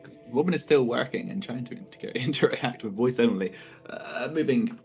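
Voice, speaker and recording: A man's voice: medium pitch, lively intonation, fairly quick, gravelly, a little mellow, soft background music. A man playing in a tabletop game who makes casual joking asides. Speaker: player. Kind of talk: casual tabletop role-play.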